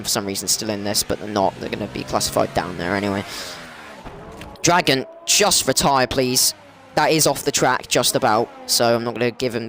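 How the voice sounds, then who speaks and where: There's a little hiss or hum under this man's commentary on an online racing league race. He gets excited and rambles, often correcting himself, with his pitch rising at the crashes.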